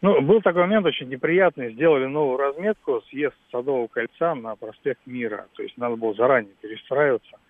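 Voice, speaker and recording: Brief: male caller, quick talker, slightly aggrieved, tinny phone line. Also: medium pitch, dry recording.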